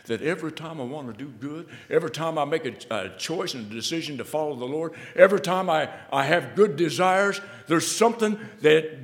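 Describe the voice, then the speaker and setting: A man preaching a sermon, dropping to low murmurs and rising to fervent shouts. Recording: long hall reverb.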